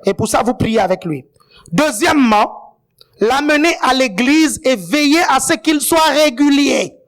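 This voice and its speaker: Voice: high voice, expressive, unhurried. A guest preacher giving a sermon, often checking in with the congregation and adding playful asides.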